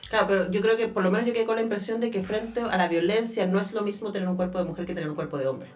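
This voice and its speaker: Chilean lady radio host, talks super fast, chatty, thinks out loud in the studio. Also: mid-range voice, faint music behind. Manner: conversational, thinks aloud with fillers. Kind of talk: radio interview.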